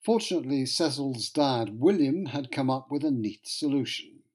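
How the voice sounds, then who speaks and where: A man's voice: mid-range voice, expressive, normal speed, a little mellow, husky. Wry male history narrator. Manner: wry, conversational storytelling with asides. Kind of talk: scripted narration.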